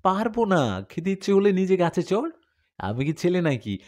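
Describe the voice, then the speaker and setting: A man's voice: high voice, sing-song, moderate pace, darkish tone, pitched above the performer's own voice. A man doing a pleading, teasing schoolgirl. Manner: coaxing, whiny pleading.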